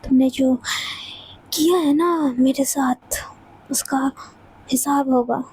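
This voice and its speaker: A woman's voice: high voice, measured pace, mellow, poor audio. A woman voicing a cold, bossy young woman who talks in curt, sarcastic commands. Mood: menacing.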